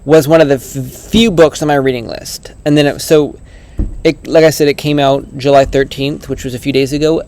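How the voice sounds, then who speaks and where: Male book vlogger, casual and earnest, slightly higher pitch, rambling delivery. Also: fairly even intonation, moderate pace, a little mellow. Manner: earnest, rambling, many restarts. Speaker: book reviewer. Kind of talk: casual vlog book review.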